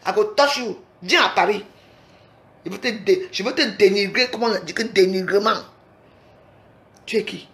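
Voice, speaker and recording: Brief: gravelly woman of medium pitch, furious confrontational live rant on a phone. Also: fairly bright tone. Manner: confrontational, repeatedly demanding "you hear?". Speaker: livestreamer. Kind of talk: angry livestream rant.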